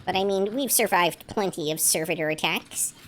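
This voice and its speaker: A woman streaming a story game, chatting casually and reading narration aloud, quick to laugh. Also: fairly low pitch, a little hiss or hum.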